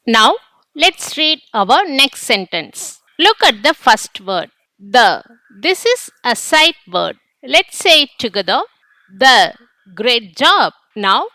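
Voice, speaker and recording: A woman teaching phonics to young children in an encouraging way, as if reading to a toddler, sounding out words with deliberate pauses. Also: high voice, sharp tone, no echo. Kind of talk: children's reading lesson, scripted.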